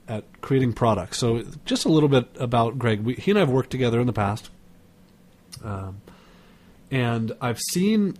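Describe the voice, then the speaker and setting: A man hosting a webinar while sick, his voice stuffed-up and nasal, talking in a halting way with many restarts. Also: medium pitch, a little mellow. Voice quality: congested, nasal. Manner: halting, repeats words while searching for them. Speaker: webinar host. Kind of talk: casual webinar introduction.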